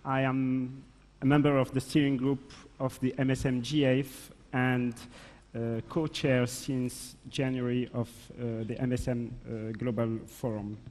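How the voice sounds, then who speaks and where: Man giving a halting conference introduction. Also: mid-range voice, level tone, darkish tone. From Morocco. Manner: halting, frequent fillers and self-corrections. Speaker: conference speaker introducing a guest. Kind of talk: formal introduction speech. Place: large conference hall. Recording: long hall reverb.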